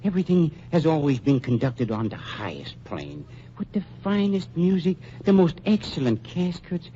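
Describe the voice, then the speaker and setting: Playing a smooth-talking undertaker and blackmailer leaning on a gangster, a man uses a fairly high, warm voice with wildly swooping pitch. He sounds unctuous and falsely polite, stretching out his pauses, and the 1940s radio acting comes through a dull, lo-fi recording with faint hiss.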